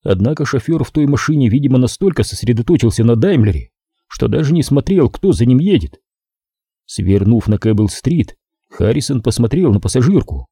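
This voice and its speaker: Dark, husky male thriller narrator. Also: mid-range voice, very animated, moderate pace, no echo, studio quality. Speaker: audiobook narrator.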